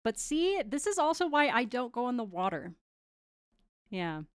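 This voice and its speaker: A young woman chats casually to her stream between turns of a tabletop game, bubbly and quick to giggle. Her pitch swings widely and her voice is smooth and crisp. It is recorded dry on a close streaming mic. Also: sing-song, no room sound. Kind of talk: casual chat.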